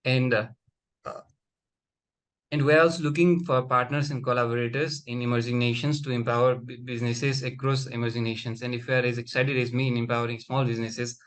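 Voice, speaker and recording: A young man, a startup founder, giving an earnest, matter-of-fact pitch and answering questions over a video call. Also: flat delivery, a little fast, fairly bright tone. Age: young adult.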